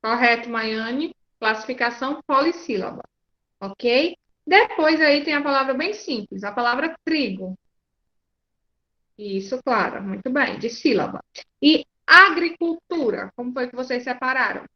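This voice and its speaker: A woman's voice: on the high side, moderate pace. A Brazilian woman teacher giving an online class, patient and checking often that her students follow. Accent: Brazilian Portuguese. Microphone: video call. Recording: muffled lo-fi video call audio.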